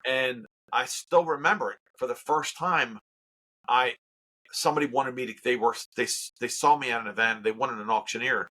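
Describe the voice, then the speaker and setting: A man's voice: medium pitch, moderate pace, sharp tone. A man who works as a charity auctioneer, telling his story in a casual interview with earnest emphasis and repeats.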